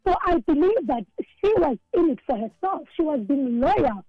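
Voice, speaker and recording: High South African woman, earnest radio guest, dry muffled line, repeats words. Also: expressive, moderate pace, no room sound. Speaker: author and guest. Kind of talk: radio interview.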